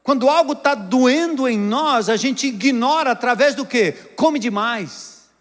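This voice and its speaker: A man, a pastor with a Brazilian Portuguese accent, preaching a sermon with rhetorical questions and sharp swings between raised and hushed delivery. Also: extremely high pitch, unhurried. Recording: long reverb of a church hall.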